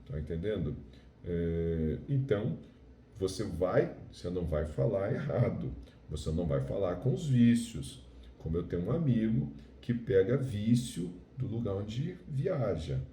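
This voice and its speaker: A man with a Brazilian Portuguese accent teaching Spanish in a video lesson, explaining slowly and checking in with "ok?". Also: on the low side, sing-song, mellow, echoey room, far from the mic, a little hiss or hum.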